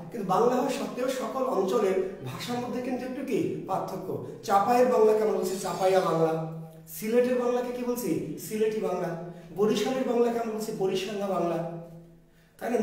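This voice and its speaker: A male teacher with a high-pitched voice gives an online lecture to exam students. He asks the class a question, pauses, and answers it himself. His voice is recorded from far off and rings in a very echoey room. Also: darkish tone.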